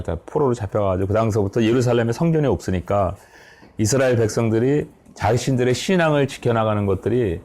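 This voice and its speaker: A middle-aged man leads a Bible study seminar in an explanatory, conversational way. His voice is low and dark with a gravelly edge, and he often checks whether listeners follow him. He breaks off words and corrects himself as he talks. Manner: explanatory, checks in with the audience, self-corrects mid-word.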